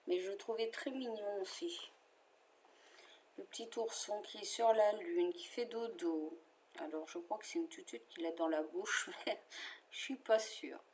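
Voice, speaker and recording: A woman's voice: medium pitch, a little slow, a little mellow. A woman with a French accent chatting casually as she shows her favorite cross-stitch patterns, with fillers and little asides.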